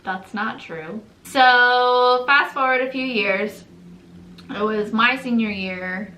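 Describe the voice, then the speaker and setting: A young woman co-hosting a channel, telling a story in a casual, animated way, acting out quotes and laughing often. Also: fairly high pitch, slow pace, slight background noise. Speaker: channel co-host. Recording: echoey room.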